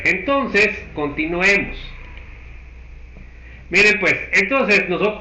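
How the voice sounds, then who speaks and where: In an echoey room, a Guatemalan man lectures a university chemistry class in a slightly high, sharp-toned voice. He goes step by step and repeatedly checks whether students are following.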